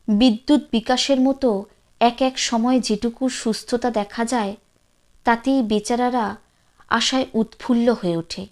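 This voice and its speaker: A woman reading a classic story aloud as narrator, measured and expressive. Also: a little high.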